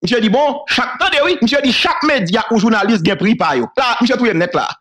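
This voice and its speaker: A man's voice: extremely high pitch, fast talker. A man with a Haitian accent recounting a conversation in a casual monologue, acting out the other person's lines and laughing often. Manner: animated retelling, acts out quoted dialogue, laughs often.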